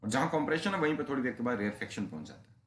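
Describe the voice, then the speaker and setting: Man, physics teacher, classroom lecture, slow stressed key terms, sudden emphatic jumps, mid-pitched voice, roomy echo. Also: big pitch swings. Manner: explains in Hindi mixed with English terms, drawing out key phrases slowly; calls students "beta ji", stresses points with sudden rises in pitch and loudness. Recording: roomy echo, faint background hiss.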